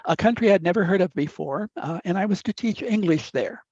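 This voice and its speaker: An Italian-born guest speaker in his 80s, raised in the upper Midwest United States, tells stories reflectively in a measured, deliberate way with frequent uh fillers. His voice sits high, expressive and darkish. The recording is dull and dry.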